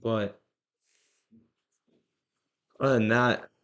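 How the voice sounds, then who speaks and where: A young man hosting a casual podcast, telling stories in a relaxed, joking way with lots of fillers. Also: medium pitch, drawn-out words, lo-fi sound. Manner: laid-back, filler-heavy, joking storyteller. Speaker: podcast host.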